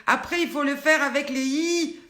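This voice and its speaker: An older woman leads face and neck exercises on a live video, talking loosely and teasing herself. Her voice is bright and tense. The sound is roomy, recorded on a phone in an echoing space. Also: high voice, normal speed. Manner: chatty, rambling and self-mocking. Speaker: host of a daily live show. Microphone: phone camera.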